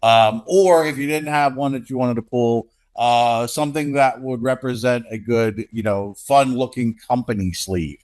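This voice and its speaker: A man's voice: medium pitch, moderate pace, few pauses, darkish tone. A middle-aged man chatting casually as a co-host, rambling and repeating words as he talks. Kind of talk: casual chat.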